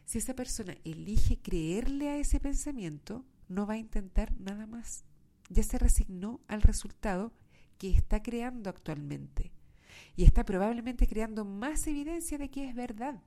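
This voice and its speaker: A woman speaks in a mellow, nasal voice that sounds congested from allergy. She delivers reflective self-help coaching as a monologue, talking straight to the listener. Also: a little high, expressive, moderate pace. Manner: reflective, addresses listener directly with rhetorical questions. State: stuffed up from pollen allergy. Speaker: host of a self-help podcast.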